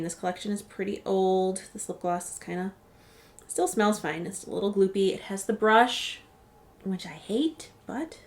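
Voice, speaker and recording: Woman vlogger, casual and chatty, rambly asides, everyday voice. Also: medium pitch. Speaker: beauty vlogger. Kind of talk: casual product walkthrough.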